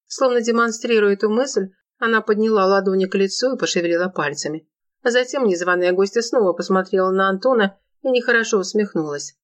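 A woman reading a first-person audiobook in an even, wry storytelling manner. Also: mid-range voice, fairly quick. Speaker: audiobook narrator.

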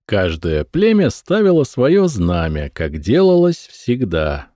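Male narrator for a historical audiobook, low voice, dry close recording. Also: no echo. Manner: measured, expressive reading. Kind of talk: scripted narration.

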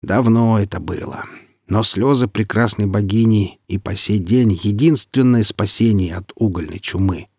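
A man reading the part of a boastful, grim northern warrior who speaks in an unhurried, mocking way. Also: lowish voice, a little mellow, husky, no echo, clean studio sound.

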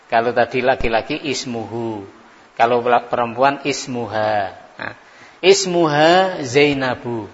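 A man teaching an Arabic textbook lesson, reading slowly and repeating each phrase to translate it, with small chuckles between points. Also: medium pitch. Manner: slow, repeats words to translate. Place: study hall. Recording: dull, echoey hall, faint hiss.

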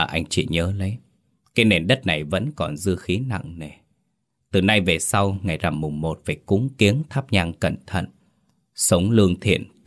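Man reading as a steady older exorcist master, deep voice, measured counsel in a storybook. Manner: measured, instructive.

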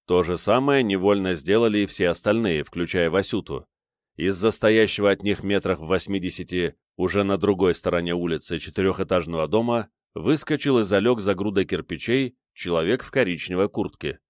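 Deep-voiced man narrating an audiobook. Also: a little fast, dry recording, studio quality. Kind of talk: scripted narration.

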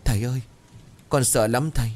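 A man's voice: medium pitch, a little fast, voice pushed up, close to an everyday voice. A sobbing eight-year-old boy, put on by a male narrator, small and tearful. His voice climbs well above the narrator's own. He begs in a frightened storybook horror reading. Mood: frightened pleading. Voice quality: childlike, tearful.

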